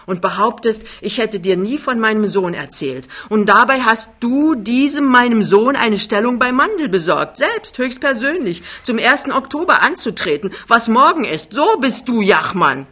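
A vain older mother, scolding in a raised, high and piercing voice, as a woman puts her on. Her tone is bright and sharp and rarely lets up. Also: lively intonation, normal speed, few pauses.

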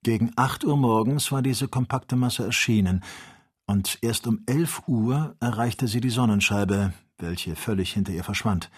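Husky male narrator for a measured audiobook reading. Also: lowish voice. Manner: even, measured storytelling. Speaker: audiobook reader.

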